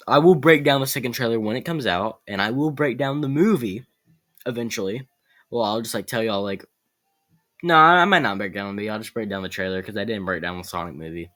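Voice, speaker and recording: A man vlogs about upcoming movies, casual and excitable, rambling and correcting himself along the way. His pitch is fairly low.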